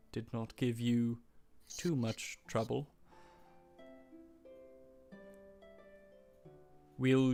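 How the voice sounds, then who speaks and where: A man's voice: mid-range voice, lightly acted. A man voicing a tired, weary woman mage. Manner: slow, flat and weary.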